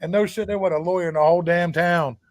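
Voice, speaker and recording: A high-voiced man spins an animated podcast yarn. He cusses freely and acts out every exchange he tells. His pitch sits up above most men's. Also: fast talker. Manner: animated, profane, tells stories with acted-out dialogue. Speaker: podcast guest. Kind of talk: casual storytelling.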